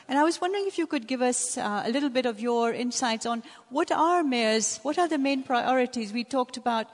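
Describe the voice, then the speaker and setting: A woman's voice: sits high, expressive, a little fast. A woman moderating a panel discussion, putting questions to the speakers. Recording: reverberant conference hall.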